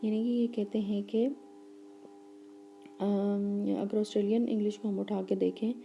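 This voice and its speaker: A woman teacher giving a lecture, reading English lines slowly and explaining them quickly in between, with fillers and restarts. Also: mid-range voice, level tone, vocal fry, muffled recording, faint music behind.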